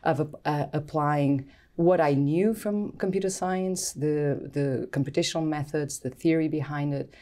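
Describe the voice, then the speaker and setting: Low, mellow Portuguese-accented woman. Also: unhurried, few pauses. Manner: thoughtful, hesitant with frequent ums. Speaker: guest scientist. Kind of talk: podcast interview.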